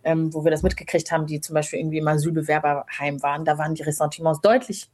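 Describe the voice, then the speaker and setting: A woman in her thirties, originally from Rwanda, chats through a casual interview. Her voice sits slightly low and carries a husky, breathy texture. She speaks reflectively, often pausing on fillers as she gathers her thoughts. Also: steady tone, darkish tone. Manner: reflective, many fillers and hedges. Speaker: guest.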